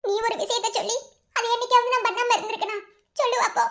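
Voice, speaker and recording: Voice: extremely high pitch, fairly even intonation, quick pace, fairly bright tone. A performer voicing a young college woman, emotional and anxious, speaking with a Madurai Tamil accent. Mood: pleading. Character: young woman college student, frightened and tearful.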